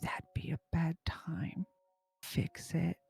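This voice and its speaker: A man voicing an unseen ghostly woman who speaks in a breathy, sultry whisper, as whispered role-play. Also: deep voice, flat delivery, slow, a little mellow, soft background music, pitched above the performer's own voice, full character voice. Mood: urgent.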